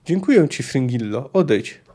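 A man reading the lines of a reserved, weary male monster hunter from a fantasy novel, quiet and restrained, in his own voice. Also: medium pitch, expressive, moderate pace, husky. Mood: tender.

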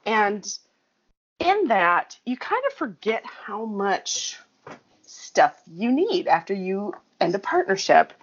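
A woman's voice: mid-range voice, big pitch swings, slow, breathy edge, dull audio. A woman co-hosting a casual chat, telling long rambling stories and laughing often.

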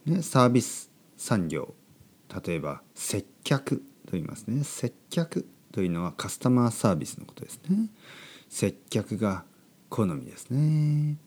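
A man's voice: on the low side, very animated, normal speed, darkish tone, breathy edge. A man hosting a podcast for language learners in simple, unscripted talk, repeating and rephrasing key words as he goes. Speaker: podcast host for learners of Japanese.

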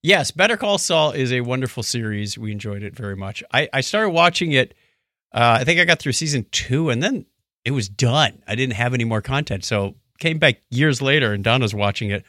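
A podcast co-host chats casually about shows, telling animated stories full of acted-out quotes. His mid-range voice moves a little fast, captured in a dry, studio-quality recording.

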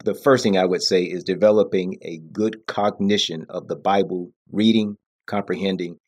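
A man's voice: sits low, steady tone, normal speed, a little mellow. A male pastor talking about faith and family in a sermon-like, emphatic way, often stopping to correct himself. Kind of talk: conversational church podcast discussion.

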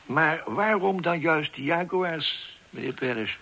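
An actor playing a cautious elderly chancellor in a radio drama, speaking formally and deliberately. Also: male voice, on the high side, lively intonation, vocal fry, pushed and bright, exaggerated voice. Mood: measured. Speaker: statesman.

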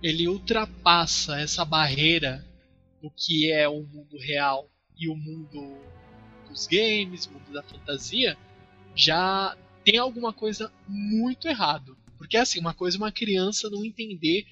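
A Brazilian man co-hosts a casual chat, earnest and opinionated. His voice is high, bright and tense, with a husky grain. The sound is dull and lo-fi, with faint background music. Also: measured pace. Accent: Brazilian Portuguese. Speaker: podcast co-host.

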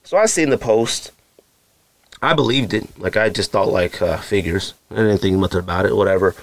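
Speaking at a moderate pace in a lowish voice with no echo, a married adult man runs a casual solo sneaker podcast. He's animated and full of jokes, speaks right to his listeners, and includes an ad read.

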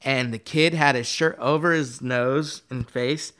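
During a laid-back podcast interview, a guest artist meanders through a long story, unhurried and full of fillers and curse words. His pitch sits in an ordinary middle range.

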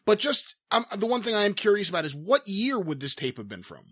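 A man's voice: sits high, sing-song, fairly quick, a bit bright, no echo, clean studio sound. A man working as an interviewer, chatting casually and asking informal, attentive follow-up questions.

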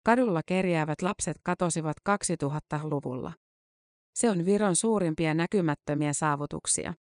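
A narrator giving a scripted reading of a long-form news article, with an even, measured delivery of dates and figures. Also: mid-range voice, no room sound, studio quality.

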